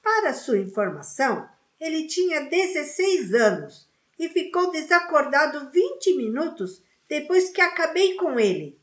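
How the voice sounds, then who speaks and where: A woman voicing a bullying teenage boy who taunts his cousin, sometimes in a mocking, wailing falsetto, in a storybook reading. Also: very animated, unhurried, echoey room. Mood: taunting.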